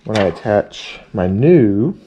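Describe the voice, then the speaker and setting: A man with a fairly low voice chats through a how-to vlog. He is laid-back and thinks out loud as he works. There is faint noise behind him. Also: big pitch swings, slow pace, lo-fi sound. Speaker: vlog host. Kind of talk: casual how-to vlog chat.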